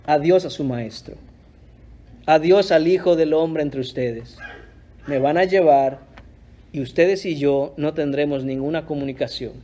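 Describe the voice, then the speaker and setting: A man with a high-pitched voice preaching a sermon in church. He speaks earnestly and emphatically, turning often to address his listeners as brothers. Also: a little slow, mellow. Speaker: pastor.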